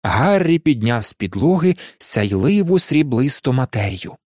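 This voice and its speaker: A man narrating an audiobook in an expressive storytelling manner. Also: medium pitch, normal speed, dry recording, studio quality. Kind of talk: audiobook reading.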